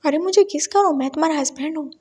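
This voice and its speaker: A woman's voice: high voice, fast talker, warm tone, lightly acted. A woman voicing a drunk, childish young husband who whines and pleads like a little boy. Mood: childish pleading. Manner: whiny, babyish pleading.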